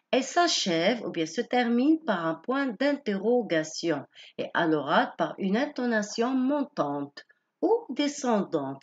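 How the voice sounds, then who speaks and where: A woman teacher gives a grammar lesson at an unhurried pace, her voice rising and falling in a lively way. She is patient and repeats each point in other words. The recording sounds dull and lo-fi. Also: on the high side. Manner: patient, explains slowly with many rephrasings.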